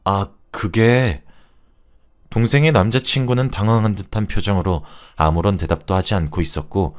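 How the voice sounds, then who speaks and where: A man's voice: fairly low pitch, brisk. A man tells a dramatized first-person story, narrating and speaking his own lines in the scenes.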